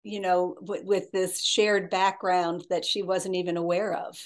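Slow, measured woman interview host. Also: fairly low pitch, little pitch movement. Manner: measured and appreciative, many fillers. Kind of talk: interview over video call.

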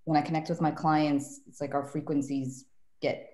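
A woman's voice: sits low, level tone, moderate pace, a little mellow. A woman from New York, a guest tarot reader, chatting casually and rambling through stories with lots of "like". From New York, USA. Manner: chatty, rambling storyteller, many "like"s. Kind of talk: casual podcast conversation. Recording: roomy echo.

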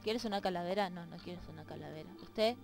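A woman's voice: on the low side, brisk, vocal fry, soft background music. A woman playing a game, reading its lines aloud in silly voices and chatting playfully to its characters. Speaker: let's play gamer. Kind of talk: let's play commentary reading game text aloud. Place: home room with dogs nearby.

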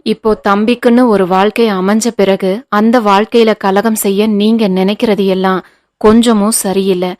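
A woman voicing a stern, sharp-tongued older mother-in-law who scolds in cutting retorts, in an audiobook reading. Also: medium pitch, steady tone, normal speed, lightly acted. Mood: scolding.

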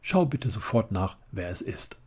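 A man voicing a haughty vampire countess mother who scolds sweetly and teases with odd pet names, in a relaxed ASMR story reading. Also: lowish voice, unhurried, husky, full character voice. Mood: fussy. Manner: sweetly bossy, pet-name teasing.

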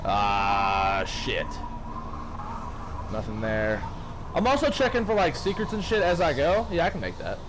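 A foul-mouthed, excitable man giving casual gameplay commentary as he plays. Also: medium pitch, measured pace, background noise. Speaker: gaming video creator. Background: game music.

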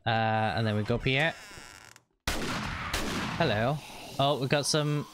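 A man's voice: medium pitch, slow, background noise. A man hosting a gaming channel, chatting upbeat and thinking aloud as he plays a co-op game. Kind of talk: co-op gameplay commentary. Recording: game sound and gunfire behind the voice.

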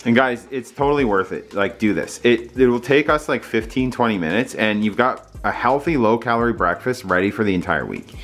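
A man chiming in with relaxed, encouraging asides during a home cooking vlog in a kitchen. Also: medium pitch, fairly quick, few pauses.

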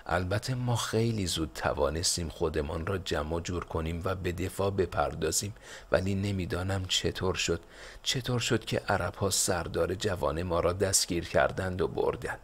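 Man doing a halting, frightened soldier. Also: very deep voice, husky, heavily acted. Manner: halting, broken speech. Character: frightened young soldier messenger.

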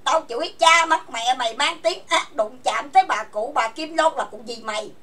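Hosting an online voice chat, a woman launches into a furious, cursing rant, scolding at a moderate pace in a high, sharp voice. Picked up by a computer voice chat mic, she sounds distant, as though talking across the room to her computer.

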